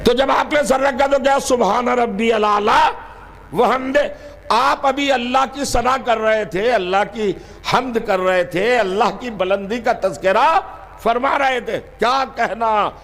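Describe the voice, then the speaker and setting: A man's voice: very high-pitched, fairly bright tone. A man preaching a sermon as a cleric, putting rhetorical questions to his listeners and often raising his voice in declamation. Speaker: Shia cleric giving a majlis.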